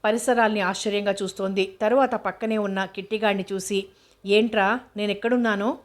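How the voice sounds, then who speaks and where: A woman reads a novel aloud as an audiobook. Her pitch is mid-range and her delivery is flat and steady. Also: fast talker. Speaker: narrator.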